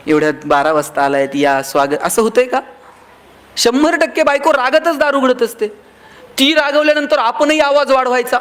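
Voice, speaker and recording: A man's voice: very high-pitched, a bit bright. A man giving a motivational speech to a live audience, telling humorous stories and acting out the voices of the people in them. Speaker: motivational speaker.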